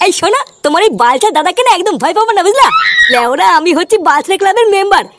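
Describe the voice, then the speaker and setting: Brief: a woman playing a swaggering cartoon young man, high and rapid, crude bragging. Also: big pitch swings, slight background noise. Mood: boastful. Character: cocky young man, boastful boyfriend. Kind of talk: comedy cartoon voice acting.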